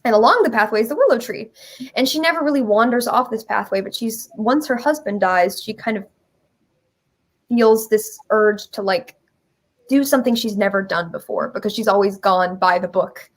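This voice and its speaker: Speaking at a moderate pace in a mid-range voice, this woman is a guest on an interview promoting a musical. She shares a story in a relaxed, informal way, with plenty of giggles.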